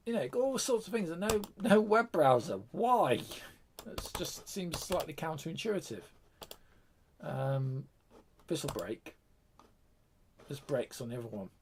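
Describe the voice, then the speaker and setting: A man's voice: on the high side, very animated, slow pace, long pauses, slight background noise. A man with a British accent hosting a casual tech live stream, chatty and rambling, often breaking off with fillers and restarts.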